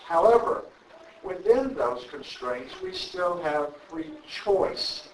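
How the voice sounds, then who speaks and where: A man in the audience winds slowly toward his question, with fillers and restarts along the way. His voice is a little high, picked up from some distance in an echoey room with a faint hum of ambience. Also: sing-song. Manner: rambling, hesitant build-up to the question. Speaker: audience member asking a question. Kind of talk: question from the floor. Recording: roomy audience mic from a distance.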